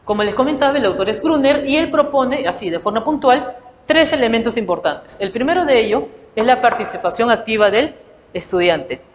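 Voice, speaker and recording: A woman's voice: fairly high pitch, lively intonation, a little fast, highs cut off. Woman teaching psychology in a reverberant room. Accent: Peruvian Spanish. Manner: explains with rhetorical questions and acted examples. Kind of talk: recorded lecture. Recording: reverberant room with faint noise.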